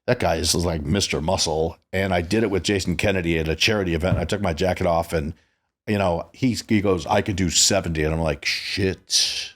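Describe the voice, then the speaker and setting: A man's voice: low-pitched, quick pace. Boastful man in his sixties. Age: 60s. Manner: boastful, profane storyteller. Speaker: podcast host. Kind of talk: casual podcast chat.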